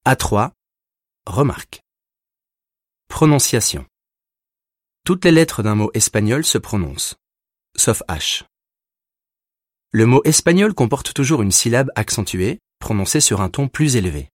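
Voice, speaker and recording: A man narrating a recorded language lesson, explaining grammar rules with slow, deliberate pauses between words. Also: medium pitch, sing-song, dry recording, studio quality. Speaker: language teacher.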